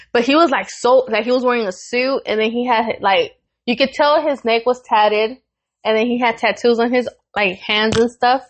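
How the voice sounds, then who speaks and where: Young woman co-host, lively and foul-mouthed, raised pitch, casual chat. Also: moderate pace. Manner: animated, profane, laughs often. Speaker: podcast co-host.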